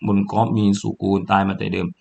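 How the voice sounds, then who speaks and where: A man teaching Quran recitation, chanting verses very slowly and then explaining pronunciation sound by sound in a relaxed, lower voice. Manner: says polite particles often and repeats sounds to demonstrate.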